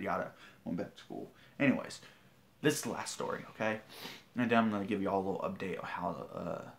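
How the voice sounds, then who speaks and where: Indignant teenage guy, low-voiced. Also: gravelly. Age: teens. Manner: indignant, rambling, with restarts. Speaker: vlogger. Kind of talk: rambling livestream storytelling.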